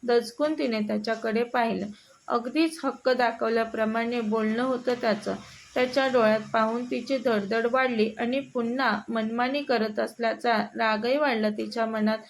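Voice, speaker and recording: A woman telling a story in a slightly gravelly voice. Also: a little high, fairly even intonation, moderate pace, a little hiss or hum, rough recording. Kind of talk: scripted narration.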